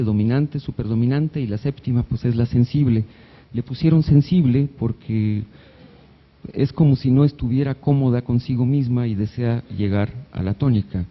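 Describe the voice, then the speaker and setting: A man's voice: medium pitch, lo-fi sound. A man, a doctor, giving a conversational, jokey live lecture on music theory to an audience, now and then singing short note examples. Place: hospital event hall.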